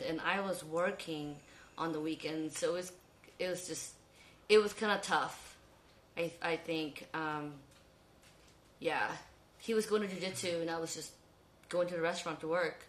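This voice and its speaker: A woman in her thirties talks in a fairly low voice, full of ums and quick self-corrections. Her voice rings in a roomy, echoey space. She is a guest in a relaxed podcast chat. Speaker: interview guest. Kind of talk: casual conversation. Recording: roomy echo.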